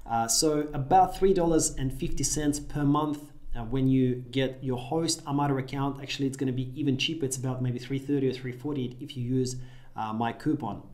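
Speaking fairly quickly in a steady, slightly mellow, medium-pitched voice, this affiliate marketing tutor is a Russian native speaker in his thirties. He runs an upbeat screen-share tutorial from a small room with direct, instructional talk.

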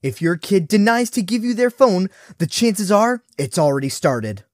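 A woman voicing a deadpan TV news announcer, with a formal announcing manner, in an animated game skit. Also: mid-range voice, normal speed, no echo, clean studio sound, close to an everyday voice.

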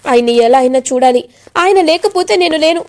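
A woman voicing a distraught young wife who pleads and cries out in a high voice. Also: animated, a little fast. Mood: longing. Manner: pleading, crying out.

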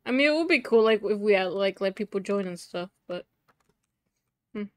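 A woman's voice: medium pitch, animated, moderate pace, no echo, studio quality. A young woman with a slight Mexican accent, chatting casually and giggling while streaming a game. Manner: giggly, chatty, often laughs. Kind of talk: casual chat while gaming.

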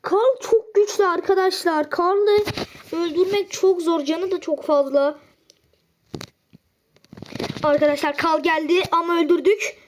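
Very high-pitched excitable gamer woman. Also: unhurried, pauses often, a little hiss or hum. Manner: excitable, often exasperated. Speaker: gaming channel host. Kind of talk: live gameplay commentary.

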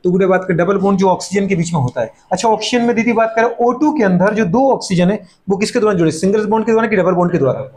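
High-voiced man teaching chemistry, teasing. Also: darkish tone. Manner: playful scolding, voices students' replies; fast repeated catchphrases and rhetorical questions. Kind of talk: classroom lecture.

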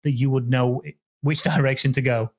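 A man's voice: mid-range voice, steady tone, moderate pace. A man hosting an online show, interviewing guests with jokey, upbeat questions. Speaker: host.

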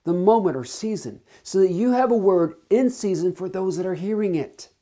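A man's voice: high voice, expressive, moderate pace, dark tone. A man preaching a sermon, earnest and emphatic, stretching out key words and leading into a spoken prayer.

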